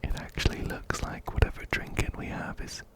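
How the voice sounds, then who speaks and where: The speaker is an ASMR gaming host, a man playing through a game in a soft-spoken, breathy whisper. He sits very near a binaural microphone, ear to ear, and keeps things gentle and slow-paced.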